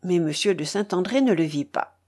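A woman narrating a novel as an audiobook, in an expressive, theatrical reading. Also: lowish voice, normal speed, husky.

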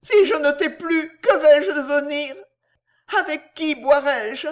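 Fat weepy old sot, read by a woman, pitched high and pleading, stammers. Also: sing-song, a little slow. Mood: tearful pleading. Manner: whining, tearful, stammering. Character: fat old drunkard man, tearful and pleading.

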